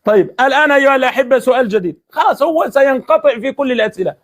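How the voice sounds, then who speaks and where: Brief: Egyptian-accented man, high voice, rapid-fire, badgering his opponent. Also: lively intonation. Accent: Egyptian Arabic. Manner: insistent, repeats his question, taunting. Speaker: debater. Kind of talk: heated religious debate.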